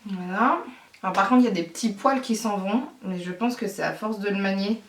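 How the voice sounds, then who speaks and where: A woman from France, a beauty vlogger at home, chatting casually to her viewers, flustered and excitable, swearing and talking through each step. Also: mid-range voice, brisk, distant mic. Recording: echoey room, speaking away from the mic.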